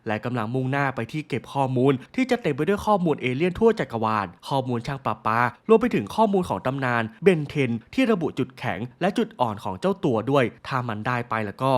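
A male narrator recapping a cartoon story in a relaxed, chatty way, full of slang. He talks quickly and his pitch rises and falls a lot. The tone is casual, like telling the story to friends.

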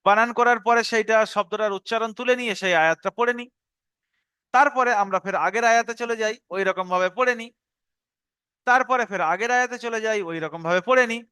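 A man's voice: sits high, pushed and bright, clean tone, no echo. A man teaching an online lesson, explaining step by step and often repeating his instructions. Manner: explanatory, repeats instructions, slows to recite verses. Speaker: Quran teacher.

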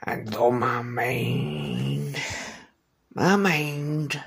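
A man in his thirties giving a hammy, theatrical dramatic reading of lyrics in a gravelly voice with breathy half-whispered endings, recorded on a phone held close. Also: medium pitch, steady tone. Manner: hammy stage-actor delivery, with drawn-out pauses and breathy half-whispered line endings. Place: small indoor room. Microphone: phone held close to the face. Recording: noisy handheld phone recording.

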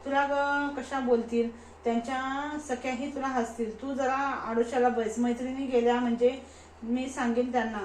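A cautious young palace maid, voiced by a woman reading a story, asking question after question at a slow, careful pace. The voice sits fairly high and flat. The room echoes, with faint hiss behind. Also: lightly acted. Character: wary young female servant at a palace door.

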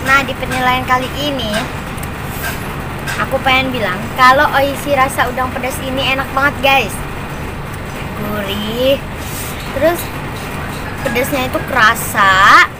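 A woman's voice: sits high, unhurried, long pauses. A young woman casually reviewing snacks to camera as a vlogger, recorded outdoors. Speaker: food reviewer. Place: outdoors on an open rooftop or terrace. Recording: loud outdoor traffic and ambient noise.

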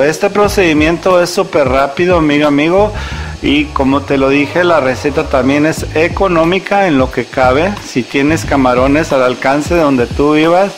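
His voice leans high as he hosts a cooking show in a chatty, meandering style. He speaks to the viewer like a friend and keeps correcting himself as he goes.

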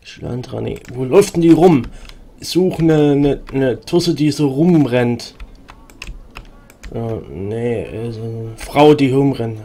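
A man's voice: mid-range voice, takes it slowly, warm tone. A man streaming a role-playing game, chatting casually with many fillers and restarts and reading game text aloud.

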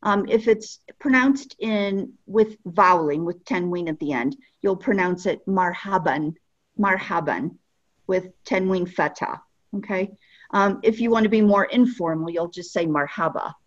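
A woman teaching a language lesson, speaking patiently and repeating each phrase slowly so learners can follow. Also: medium pitch, dull audio. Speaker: Arabic teacher.

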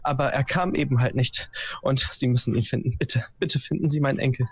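A man's voice: medium pitch, fairly even intonation, brisk, breathy edge. Man playing a flustered, worried elderly lady. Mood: anxious, pleading. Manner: flustered, hesitant, pleading. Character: worried elderly wealthy lady seeking her missing grandson. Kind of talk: tabletop role-play.

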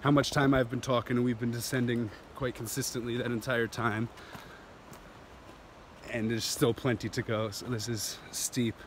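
A man's voice: mid-range voice, little pitch movement, moderate pace, background noise. Rambling man vlogging on a jungle trail. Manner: enthusiastic, rambling, laughs often. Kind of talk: walking vlog narration. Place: outdoors on a steep jungle trail. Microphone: phone camera held at arm's length.

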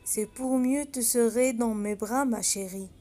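A woman voicing a sly, hungry male wolf in a storybook, who talks in a soft, sugary, drawn-out way. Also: on the high side, faint music behind, pitched below the performer's own voice, natural voice. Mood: sweetly sly.

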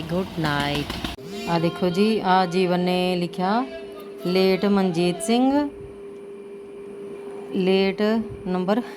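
A woman with a fairly low voice talks through her day in a casual home vlog. She is chatty and keeps turning to her viewers for agreement. The handheld recording carries plenty of noise behind her. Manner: chatty, addresses viewers with frequent tag questions. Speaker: home vlogger and mother. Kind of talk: casual daily-routine vlog chat. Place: around the house, partly outdoors.

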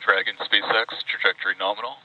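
A man's voice: lowish voice, steady tone, quick pace, dry recording, muffled recording. A man giving terse mission control callouts over a distant space radio link, clipped and procedural. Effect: distant space radio transmission.

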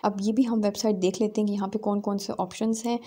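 A woman hosting a screen-recorded software tutorial, explaining each step with small fillers. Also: medium pitch, steady tone, quick pace, slightly rough. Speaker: tutorial host.

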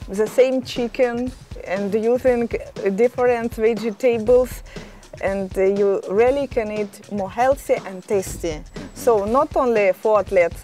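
Sitting on an outdoor terrace with a hillside view, a fitness champion in her thirties gives casual answers as an interview guest. Born in Ukraine and from Estonia, she speaks careful, halting non-native English full of pauses. Her voice is on the high side and mellow.

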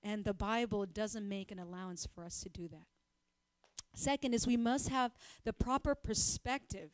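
A woman's voice: medium pitch, moderate pace, no echo. A woman giving a Bible teaching at a church fellowship, talking conversationally with frequent ums and uhs. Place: church prayer-house gathering.

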